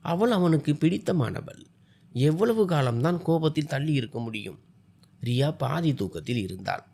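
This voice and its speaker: Husky man reading a family story. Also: on the high side, moderate pace. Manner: expressive dramatic reading. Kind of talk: scripted story narration.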